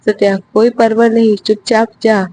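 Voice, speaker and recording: A woman's voice: on the high side, little pitch movement, normal speed, mellow, slight background noise, close to an everyday voice, low-quality recording. A woman voicing a stern, bossy father who scolds and gives orders, in a storybook reading. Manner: scolding, commanding.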